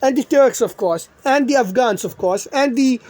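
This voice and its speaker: A young adult rants through an online commentary, sarcastic and profane. The delivery rambles with restarts and asides at a middling pitch. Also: normal speed, darkish tone. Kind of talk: ranting commentary vlog.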